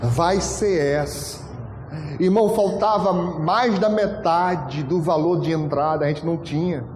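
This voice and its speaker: A pastor preaching a storytelling sermon, animated and acting out dialogue with frequent laughter. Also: male voice, a little high, normal speed, slight background noise. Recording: echoey hall with long reverb.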